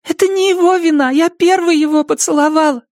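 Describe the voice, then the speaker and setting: A man voicing a frightened, tearful young woman in an audiobook, shrill and pleading. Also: fairly even intonation, a little fast, darkish tone, no room sound, clean studio sound. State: crying. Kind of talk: audiobook character reading.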